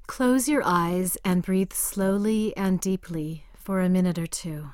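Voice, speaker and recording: A woman leads a guided meditation at a very slow, unhurried pace. Her voice sits a little low and stays soft and calm, sometimes sinking into a whisper. The sound is dry and close, with no room around it. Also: no room sound.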